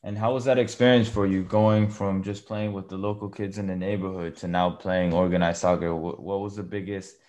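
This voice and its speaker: A man's voice: sits low, little pitch movement, brisk, few pauses, a little mellow, muffled recording. A man hosting an interview show, speaking informally and chummily as he puts questions to his guest. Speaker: podcast host and interviewer.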